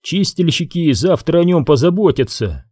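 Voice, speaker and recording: A man's voice: fairly high pitch, sing-song, moderate pace, mellow, husky, dry recording, voice pushed up. A cold, commanding young leader barks orders in a raised, hard voice, as a man plays him. His tone is firm and threatening, the sound dry and close.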